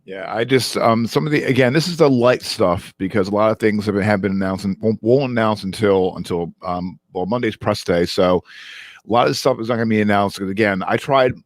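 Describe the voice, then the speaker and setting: Casting: low-pitched male co-host, hesitant tech-news delivery, lots of fillers, dry close sound. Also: no room sound. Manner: halting, many ums and restarts. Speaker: podcast co-host. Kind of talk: casual tech news chat.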